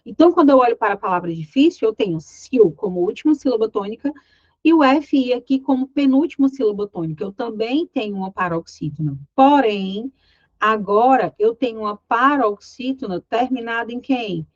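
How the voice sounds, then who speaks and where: Woman, Brazilian Portuguese accent, grammar teacher, fairly high voice, dry dull recording. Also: lively intonation, brisk, dry recording. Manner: explanatory, checks in with tags like "tá?"; voices imagined student questions. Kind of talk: online exam-prep lesson.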